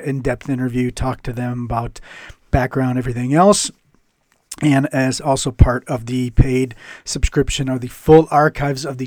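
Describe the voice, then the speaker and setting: A man's voice: medium pitch, a little mellow, no room sound, studio quality. A man hosting a podcast, talking casually with lots of fillers and restarts. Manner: rambling, many fillers and restarts. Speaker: podcast host.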